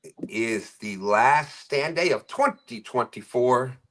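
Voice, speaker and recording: A man's voice: mid-range voice, animated, slow, a bit bright, a little hiss or hum. Chuckling male fishing-stream host. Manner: reads viewer comments aloud with frequent chuckles. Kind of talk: casual live-stream chat.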